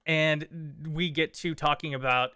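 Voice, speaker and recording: A man's voice: a little high, fairly even intonation, a little slow, pushed and bright, clear, resonant tone, no echo. A man co-hosting a casual podcast, rambling and enthusiastic, with dry sarcasm. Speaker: podcast co-host. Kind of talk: casual chat.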